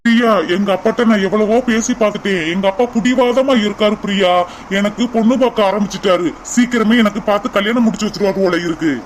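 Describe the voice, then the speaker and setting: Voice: mid-range voice, fast, slight background noise, lightly acted, rough recording. A voice actor playing an earnest young man in love in a cartoon, coaxing and reassuring, with a Kanyakumari Tamil accent. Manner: coaxing, reassuring, repeats her name. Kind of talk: cartoon voice acting.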